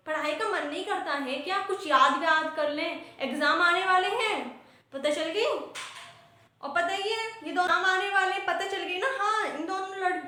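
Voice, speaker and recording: A woman playing a weary female schoolteacher who chats and complains about her workload. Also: close to an everyday voice. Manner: chatty, complaining, sighs into low trailing remarks. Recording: very echoey room.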